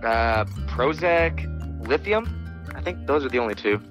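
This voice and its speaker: A man's voice: medium pitch, animated, measured pace, music in the background, rough recording. A man calling in as a quiz contestant, laid-back and laughing, cursing casually as he guesses. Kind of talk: casual chat.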